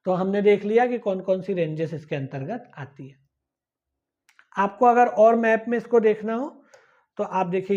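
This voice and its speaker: A woman's voice: medium pitch, warm tone. A woman teaching an exam-prep lecture, patiently repeating key points and checking in with her students. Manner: patient, repetitive, checks in with "ठीक है ना". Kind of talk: recorded lecture explaining a map. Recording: dull lo-fi recording.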